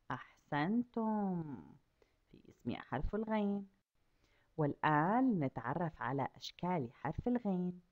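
A woman with a fairly low voice leads a lesson for young children, her pitch rising and falling in lively swoops. She poses questions to the class and stretches out words slowly to model them, heard through a dull, lo-fi recording. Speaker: kindergarten teacher.

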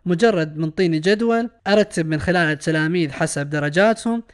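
A man's voice: on the high side, quick pace, clean tone. A male English teacher with an Iraqi Arabic accent, patiently explaining a lesson and repeating each word with its translation. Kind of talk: recorded classroom lesson explanation.

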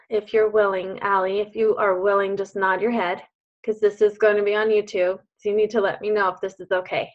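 An earnest woman coach talks her online group through their beliefs, emphatic and encouraging at a medium pitch. Her voice comes over a video call with dull, lo-fi sound. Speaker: coach leading a group class.

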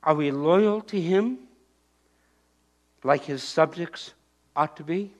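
Slowly, in a fairly high voice, an older pastor gives a sermon inside a church sanctuary. He preaches with animation, moving around, pointing, and bursting into shouts as he plays out crowd voices.

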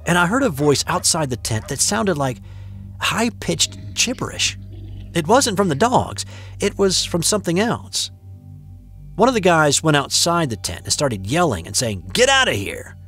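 Man narrating with a lively, expressive pitch. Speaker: host and narrator. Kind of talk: scripted narration of a submitted story. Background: faint background music.

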